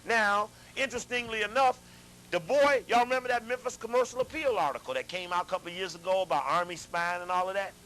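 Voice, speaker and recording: A man lecturing a live audience, animated, asking them questions and repeating himself as he talks. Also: high voice, fast talker, poor audio. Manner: animated, addresses audience directly, repeats and restarts.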